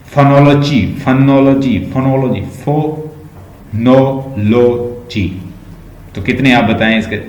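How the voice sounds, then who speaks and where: A man with a Pakistani Urdu accent teaching an online class, explaining slowly and repeating words to show how they sound. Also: medium pitch, echoey room, low-quality recording.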